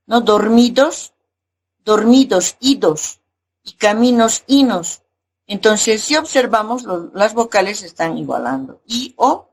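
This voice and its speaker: A woman teacher explaining poetry lessons, often asking a rhetorical "right?" and pausing with fillers. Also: mid-range voice, breathy edge. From Bolivia. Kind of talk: recorded class lesson.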